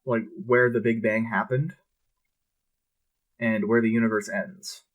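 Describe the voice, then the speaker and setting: Guy cohosting a podcast, kinda low voice, super relaxed, swears a lot. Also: unhurried, dull audio. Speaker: podcast co-host. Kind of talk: casual chat.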